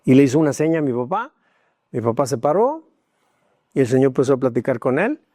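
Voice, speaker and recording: A man preaching a sermon as pastor, telling a personal story with emotion, dropping to hushed tones and rising again. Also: medium pitch, very animated, fairly quick, dry recording, studio quality. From Mexico. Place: church.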